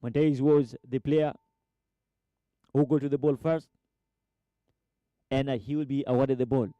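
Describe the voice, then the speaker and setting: A man's voice: medium pitch, steady tone, a little slow, no room sound, dull audio. A man giving live football play-by-play, repeating player names and rising sharply at chances. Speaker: football commentator. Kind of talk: live match commentary.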